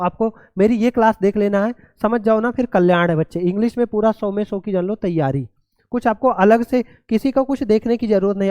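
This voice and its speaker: A man's voice: high-pitched, a little mellow, no echo. A male teacher giving an exam-prep grammar lesson, often calling his students "children" and spelling words letter by letter.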